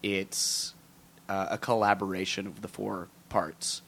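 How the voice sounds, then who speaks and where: Bright-toned man, rambling guest. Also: low voice, level tone, unhurried, vocal fry, breathy edge. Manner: rambling, lots of restarts and ums. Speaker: guest magician. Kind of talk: casual podcast chat.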